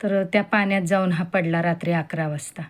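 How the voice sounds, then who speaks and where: A woman's voice: lowish voice, fairly even intonation, a little fast. A middle-aged woman chatting at home on her vlog, telling viewers a family story in a homely, direct way. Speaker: pet vlogger.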